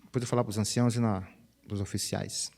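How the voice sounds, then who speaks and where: A pastor, preaching a chatty, conversational sermon. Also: male voice, fairly low pitch, fairly quick, creaky. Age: 50s. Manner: chatty, animated, peppers phrases with "né?". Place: church sanctuary. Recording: reverberant church hall.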